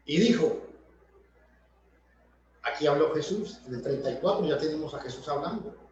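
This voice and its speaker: Slow high-voiced preacher in an echoey hall. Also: male voice, expressive, darkish tone, slight background noise. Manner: explanatory, repeats and rephrases points. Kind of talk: Bible study sermon. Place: church hall. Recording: echoey, distant, dull church recording.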